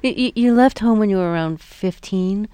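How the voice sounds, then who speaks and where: Smooth, clear female interviewer. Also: medium pitch, moderate pace, warm tone. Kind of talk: probing, conversational interview.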